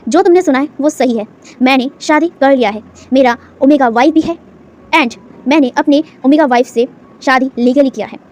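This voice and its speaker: A woman's voice: high voice, normal speed, darkish tone, close to an everyday voice. A woman voicing a cold, stern young husband. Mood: cold, firm. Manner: cold, clipped, firm. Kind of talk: storytelling with acted dialogue.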